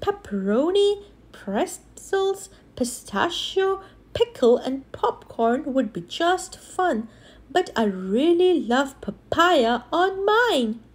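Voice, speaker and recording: A friendly, picky storybook alligator acted out by a woman speaks in a high, lively voice. The delivery is slow and deliberate, as when reading to a toddler. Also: heavily acted. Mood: eager. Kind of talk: picture-book character read to a toddler.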